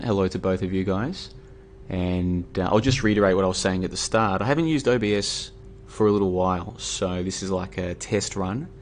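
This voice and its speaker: An Australian man talking casually on his livestream, argumentative and tired, with many fillers and restarts. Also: on the low side. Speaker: livestream host. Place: home room.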